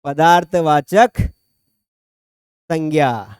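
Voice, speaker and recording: A man's voice: fairly high pitch, very slow, smooth, dry recording, clean studio sound. A man teaching English grammar in a classroom, speaking, chatty and joking as he quizzes students by name. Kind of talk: classroom lecture.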